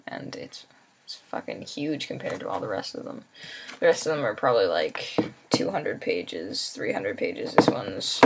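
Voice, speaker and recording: A tired young adult vlogger rambling casually, with lots of ums and offhand swearing. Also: mid-range voice. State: sleepy and tired.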